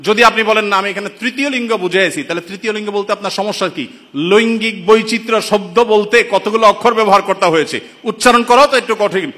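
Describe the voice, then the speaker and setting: Indignant high-voiced preacher in reverberant hall. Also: male voice, quick pace, bright, forceful tone. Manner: rhetorical, indignant, addresses listeners as brothers. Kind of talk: impassioned sermon-style commentary. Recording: long reverberant hall sound.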